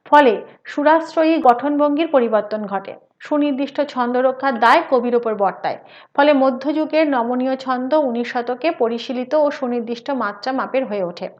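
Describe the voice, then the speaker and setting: High-voiced woman giving a lecture. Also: highs cut off. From West Bengal, India. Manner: measured, reads definitions aloud. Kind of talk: scripted educational lecture.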